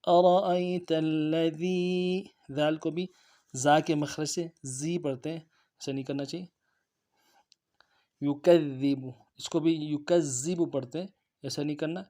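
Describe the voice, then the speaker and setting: A man with a Pakistani Urdu accent teaching tajweed. He recites the verses slowly word by word, then explains common mistakes in quick speech. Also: a little high, steady tone, dark tone. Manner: switches between drawn-out melodic recitation and brisk corrective explanation.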